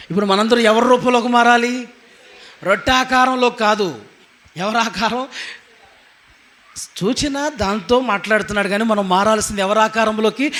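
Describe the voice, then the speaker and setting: A man's voice: sits high, a bit bright. A man preaching a sermon as pastor, who asks the congregation questions, answers them himself and keeps adding hallelujah and amen. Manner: punctuates lines with hallelujah and amen.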